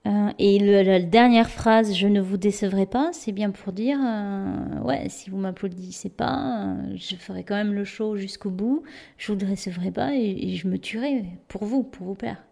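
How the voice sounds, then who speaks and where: A woman casually explaining a song she sings, hesitant with many fillers, rushing ahead in quick bursts and then trailing off quietly. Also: mid-range voice, creaky. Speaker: singer explaining her own song.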